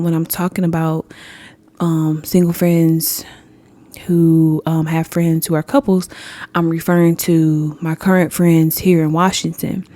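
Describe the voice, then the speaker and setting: A woman's voice: low voice, mellow. Candid, swearing woman podcast host. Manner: candid, swears freely, laughs often, addresses listeners as y'all. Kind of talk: casual podcast chat.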